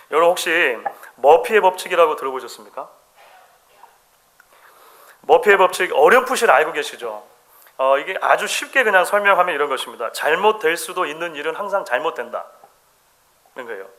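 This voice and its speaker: Animated, bright-voiced male pastor preaching. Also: on the high side. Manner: storytelling, quotes voices with dramatic slow emphasis. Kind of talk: sermon. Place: church sanctuary.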